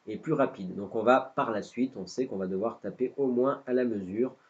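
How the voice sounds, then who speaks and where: A man's voice: mid-range voice, moderate pace, highs cut off. A man with a non-native French accent teaching a live guitar lesson, hesitant and self-deprecating with many fillers. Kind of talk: live-streamed music lesson.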